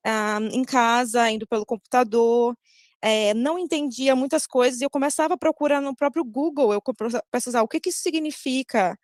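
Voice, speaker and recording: Over a video call, a young adult guest speaker from Maranhão, Brazil offers students advice in her Brazilian Portuguese accent. Her slightly high voice comes out casual and halting, with frequent pauses, fillers and corrections to herself. The recording is dry and close-miked, free of echo.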